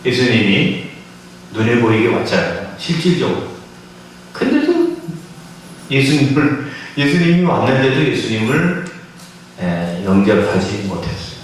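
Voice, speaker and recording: A man's voice: mid-range voice, far from the mic, a little hiss or hum. A male pastor preaching a Christmas sermon in a church, emphatic and full of rhetorical questions to the congregation. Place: church sanctuary. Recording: echoey church hall from afar.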